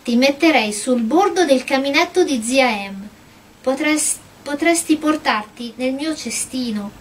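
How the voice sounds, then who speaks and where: A woman reading aloud and voicing a polite, apologetic young girl in a storybook, in a gentle, earnest manner. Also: high voice, lively intonation, unhurried.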